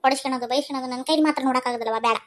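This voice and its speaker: A woman with a North Karnataka Kannada accent voicing a gentle, devoted young village daughter who pleads and soothes her mother in a cartoon. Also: sits high, fairly even intonation, rapid-fire, close to an everyday voice. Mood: alarmed. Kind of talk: cartoon voice acting.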